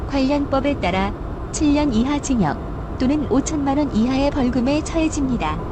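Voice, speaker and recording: High formal woman's train announcement. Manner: formal, evenly paced, polite. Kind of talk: recorded train station announcement. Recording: clear train running noise behind. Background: train and vehicle noise.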